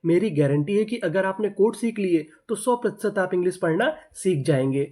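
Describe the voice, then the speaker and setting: A man's voice: high voice, lively intonation, moderate pace, darkish tone. A man teaching English reading, spelling words letter by letter and answering his own questions.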